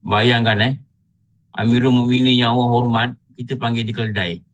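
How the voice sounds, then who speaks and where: A middle-aged religious teacher with a Malaysian Malay accent gives an online lecture as a story. His mid-pitched voice is colloquial and animated, climbing high for emphasis and dropping low again. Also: moderate pace, dull audio.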